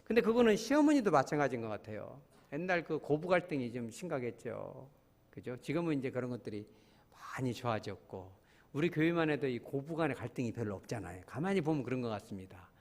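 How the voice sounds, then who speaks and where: A man's voice: mid-range voice, big pitch swings, fast, darkish tone, in a large hall. A man preaching a midweek sermon as a pastor, asking the congregation questions and acting out voices he quotes. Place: church.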